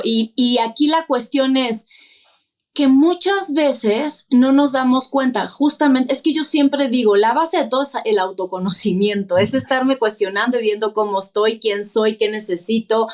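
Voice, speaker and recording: A woman, a podcast guest who explains things step by step and poses rhetorical questions. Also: high-pitched. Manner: didactic, lists points and asks rhetorical questions. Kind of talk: explanatory interview talk.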